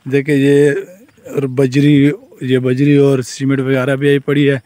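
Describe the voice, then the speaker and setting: A young Pakistani man with a Saraiki-region Urdu accent vlogs an eager tour of a farm and construction site outdoors, holding his phone camera at arm's length selfie-style. His medium-pitched, dark voice is completely flat and measured in pace, with no echo. He's enthusiastic and keeps repeating phrases like "look at this."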